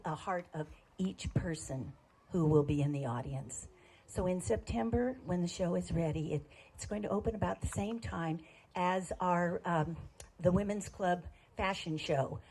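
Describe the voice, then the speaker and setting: A woman with a notably low voice describes an upcoming community show to an audience. Her tone is husky and earnest, with occasional restarts. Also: dark tone, low-quality recording. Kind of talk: speech to an audience.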